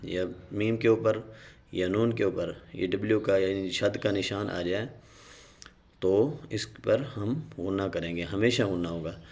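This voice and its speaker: A man teaching a Quran reading lesson, explaining the rules quickly and then sounding out syllables slowly and drawn out. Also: sits low, fairly even intonation, gravelly, a little mellow. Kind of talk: Noorani Qaida reading lesson.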